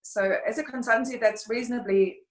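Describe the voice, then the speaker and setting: Her voice on the high side and fairly even, a middle-aged German woman speaks fairly quickly, yet still hesitates often and searches for words. She's a consultancy founder with a German accent, a guest on a video call from an echoey home room by a fireplace.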